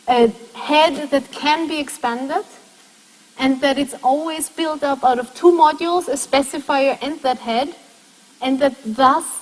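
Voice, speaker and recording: A woman lecturer in a classroom lecture, explaining step by step and putting questions to the class. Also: high voice. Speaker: university lecturer. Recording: long echo of a lecture hall.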